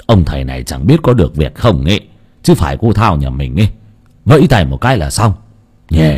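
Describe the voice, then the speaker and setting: A chatty, meddling older male neighbor gossips in this audio story with a teasing tone, played by a man speaking a little lower. He sounds folksy and nosy. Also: sing-song, fairly quick, darkish tone, husky, full character voice. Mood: gossipy.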